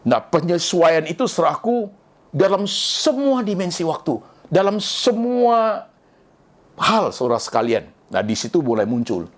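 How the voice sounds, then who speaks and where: Middle-aged male pastor from Indonesia, lively preaching, swings his pitch widely. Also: a little slow. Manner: lively preaching, often addresses listeners as brothers and sisters; mixes English phrases into speech. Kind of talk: sermon.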